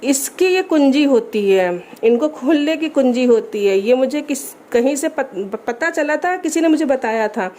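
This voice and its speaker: एक महिला शांत और समझाने वाले अंदाज़ में धार्मिक पाठ के नियम बताती है और बीच-बीच में संस्कृत श्लोक धीरे-धीरे पढ़ती है।. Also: female voice, high-pitched. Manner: calm, explanatory, recites Sanskrit verses slowly. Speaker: religious instructor. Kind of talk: explaining scripture recitation rules.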